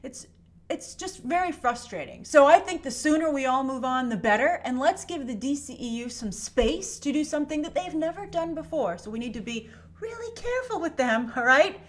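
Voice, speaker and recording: Speaking to camera as a YouTube film commentator, this woman has a high-pitched, expressive voice at a normal speed. Her opinionated commentary is emphatic and conversational, dotted with frequent rhetorical check-ins.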